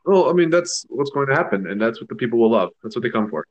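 A man's voice: mid-range voice, very animated, fast talker, lo-fi sound. A man co-hosting a podcast, chatting casually in a laid-back way with dry jokes. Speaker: podcast co-host. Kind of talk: casual chat.

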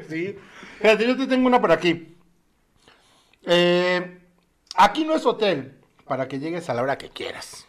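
A man with a Mexican accent co-hosting a casual chat, animated and laughing often. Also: high-pitched, slow, long pauses. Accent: Mexican Spanish. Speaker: co-host.

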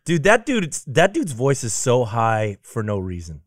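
A man's voice: mid-range voice, a little slow, no echo, clean studio sound. A man hosting a casual podcast with old friends, joking around and breaking into bits of song. He grew up in Germany. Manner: animated, joking, breaks into sung snippets. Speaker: podcast host.

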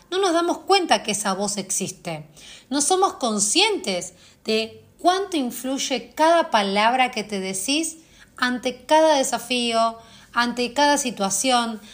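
A woman, hosting and guiding listeners through a self-help exercise, speaking straight to them and asking many questions. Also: on the high side. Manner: coaching, asks many questions directly of the listener. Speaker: host.

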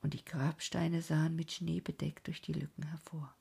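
A woman narrating a classic novel in a slow, earnest way, often sinking into a soft whisper. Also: deep voice, flat delivery, vocal fry, slightly rough. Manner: slow, earnest, dramatic phrasing. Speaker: audiobook narrator. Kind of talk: literary reading of a classic novel.

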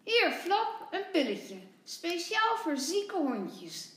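A woman's voice: very high voice, sing-song, takes it slowly, a bit bright, roomy sound, voice pushed up, heavily acted. Saar, a woman doing a bossy little nurse girl. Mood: fussing.

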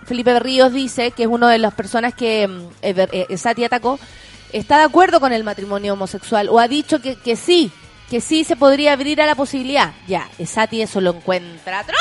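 A woman with a Chilean accent hosting a morning show, chatting and reading the news and listener messages, giggly and theatrical. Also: on the high side. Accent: Chilean Spanish. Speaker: morning radio host. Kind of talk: casual chat and news reading.

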